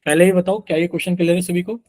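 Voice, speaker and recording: A young man teaches math in a live online class, his high-pitched voice steady, rapid-fire and slightly mellow. He quizzes students constantly and answers for them himself, voicing their replies as "sir." The recording is dry.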